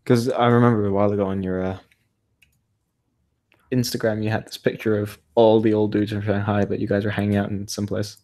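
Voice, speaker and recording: This podcast co-host, a young man, has a dark, lowish voice and a brisk, flat delivery. His casual banter wanders, and he keeps laughing at his own expense.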